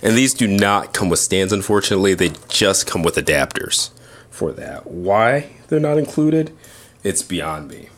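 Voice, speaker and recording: A toy reviewer gives a casual hands-on demonstration at an indoor tabletop display, speaking informally and matter-of-factly. His low voice has lively intonation, a fairly bright tone, and a moderate pace. The recording has clear background noise and handling clicks.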